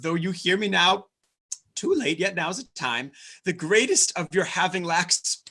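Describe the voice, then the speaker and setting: A man's voice: on the high side, sharp tone, exaggerated voice. A man playing an anxious, loyal steward. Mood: grieving. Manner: earnest, pleading verse delivery. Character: loyal worried steward of a lord. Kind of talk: live online reading of a stage play. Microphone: home microphone on a video call.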